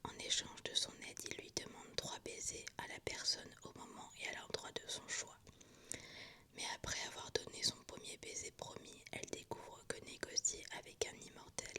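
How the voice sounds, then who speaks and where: Woman whispering softly in ASMR library hush. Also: very high voice, creaky. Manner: soft, hushed, unvoiced whispering throughout. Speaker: book vlogger presenting a reading list. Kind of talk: ASMR whisper, library-like hushed book presentation.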